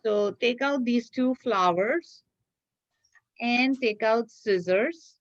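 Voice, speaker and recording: A woman teacher patiently walks children through a craft step by step, repeating herself and often checking that they're following along. Her voice is on the high side and slow, and the recording sounds muffled.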